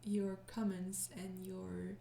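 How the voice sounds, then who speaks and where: Her mid-range voice is gravelly and completely flat, moving slowly through an echoey room with a bit of background noise. She's a young French ASMR creator in a soft, casual Q&A with fans, sounding tired and apologetic, hesitating, laughing softly, and sliding into whispers.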